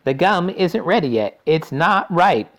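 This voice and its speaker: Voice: mid-range voice, sing-song, measured pace, pitched above the performer's own voice. A performer voicing an eccentric male candy inventor in a storybook, fretful, apologetic and pleading.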